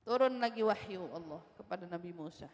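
A woman's voice: lowish voice, animated, brisk, darkish tone, long reverb tail. A woman religious teacher giving a study lecture, retelling prayers dramatically and mixing Arabic recitation with casual asides.

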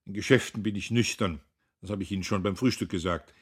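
A husky-voiced man voicing a cool, matter-of-fact company clerk in an audiobook. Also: fairly low pitch, fast talker.

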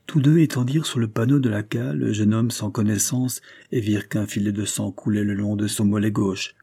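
A man narrating an adventure novel in a steady, measured storytelling voice. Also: lowish voice, gravelly, husky. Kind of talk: scripted audiobook narration.

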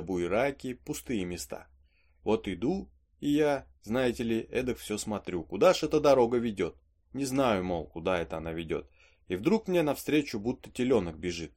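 A man's voice: medium pitch, darkish tone. A man reading aloud as a superstitious peasant servant, spinning a folksy tale full of asides. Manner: chatty folksy storytelling with asides. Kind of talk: audiobook reading of a play.

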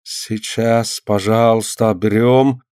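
A man's voice: a little high, measured pace, dark tone, dry recording, clean studio sound, pitched above the performer's own voice. A man putting on a lamenting man in broken speech. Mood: uneasy. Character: timid kindly man speaking broken Russian.

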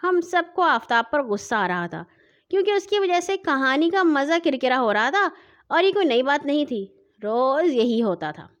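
Female narrator for a kids' audio story, high voice with lively swings. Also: dull audio. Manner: expressive storytelling.

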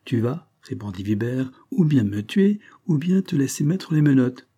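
A man's voice: medium pitch, very animated, normal speed, dark tone, husky. A man voicing a small, frail, ironic police agent in a storybook reading, with a teasing, mocking manner.

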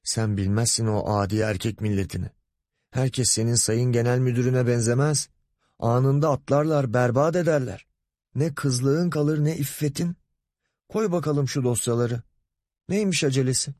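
A man's voice: mid-range voice, moderate pace, darkish tone, dry recording, clean studio sound, pitched above the performer's own voice, natural voice. A man voicing a pompous, lecherous middle-aged male boss in an audiobook, wheedling and bossy by turns. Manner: wheedling, grumbling, commanding.

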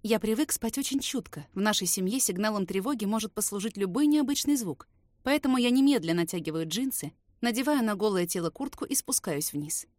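A woman narrating a novel in the first person, steady and even. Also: medium pitch, brisk, no echo, studio quality. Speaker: audiobook reader.

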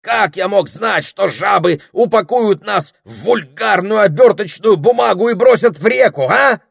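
A man voicing a bossy, hot-tempered and pompous male parrot who blusters and shouts, reading aloud from a storybook. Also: a little high, very animated, measured pace, gravelly, dry recording, studio quality, pitched above the performer's own voice, full character voice. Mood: indignant ranting. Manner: shouting, blustering, self-important.

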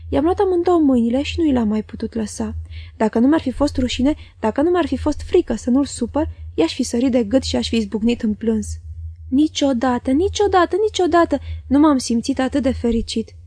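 Mellow-voiced woman reading a novel. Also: sits high, husky, no room sound. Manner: measured, even-paced storytelling. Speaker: audiobook reader. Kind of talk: scripted literary narration.

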